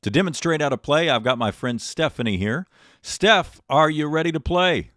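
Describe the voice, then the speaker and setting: A man's voice: on the high side, lively intonation, moderate pace, fairly bright tone, no room sound, studio quality. A man hosting a comedy show, telling stories and running a quiz with wry sarcasm. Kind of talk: comedic monologue and game hosting.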